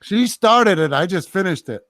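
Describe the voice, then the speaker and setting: A man's voice: high-pitched, lively intonation, normal speed, a bit bright, dry recording. A man on a live stream panel, chatting casually and jokingly.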